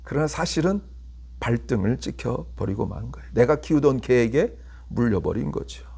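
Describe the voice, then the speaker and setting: A man preaching a sermon as pastor, asking the congregation rhetorical questions, building to emphatic peaks and then falling low, and turning soft and slow when he leads prayer. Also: lively intonation, creaky, slightly rough.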